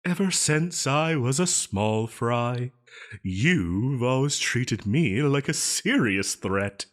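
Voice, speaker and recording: In a scripted audio drama roleplay, a theatrical male supervillain is lovestruck, needy, possessive and self-pitying. He stretches his words out slowly with dramatically swooping, lively intonation, and giddy, adoring giggles and stammers keep breaking into his melodrama.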